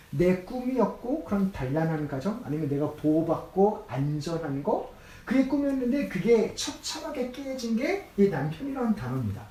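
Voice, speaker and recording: A man's voice: high voice, dark tone. A man preaching a sermon as pastor, speaking in a conversational way and acting out scripture quotes. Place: church sanctuary. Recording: echoey church room, mic from a distance.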